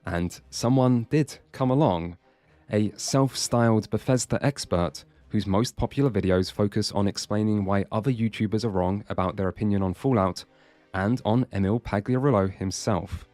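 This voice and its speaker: A man's voice: lowish voice, moderate pace, darkish tone, no echo, faint music behind. A man reading scripted video essay narration in a dry, sardonic way.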